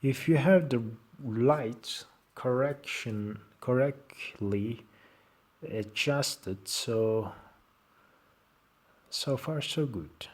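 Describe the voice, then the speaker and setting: A man with a Turkish accent presents an informal software tutorial, speaking non-native English in halting, short, fragmented phrases. His voice is mid-range.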